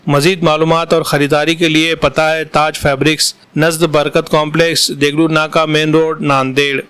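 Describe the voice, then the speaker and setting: A man reading a scripted promotional announcement in formal, measured, news-report phrasing. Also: fairly high pitch, flat delivery, fairly bright tone, clean tone. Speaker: advertising announcer. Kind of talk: scripted formal advertorial narration.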